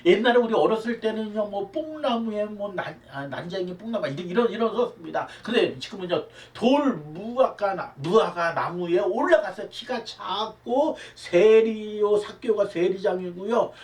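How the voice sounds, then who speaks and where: A man's voice: high-pitched, expressive, normal speed, few pauses, darkish tone. A man preaching a Sunday sermon as pastor, with emphatic delivery and rhetorical questions to his viewers. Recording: roomy hall, mic at a distance.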